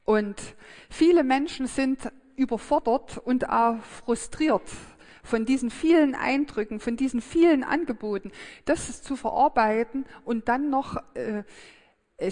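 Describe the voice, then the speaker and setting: A woman's voice: fairly high pitch, a little mellow, in a large hall. A woman giving a sermon, thinking aloud in a hesitant, reflective way with frequent fillers and restarts.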